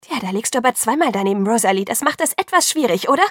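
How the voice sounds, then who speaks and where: A woman reading an audiobook, voicing a sharp-tongued, fierce young woman with cutting, clipped lines. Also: fairly high pitch, brisk, dry recording, studio quality, voice pushed up. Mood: angry.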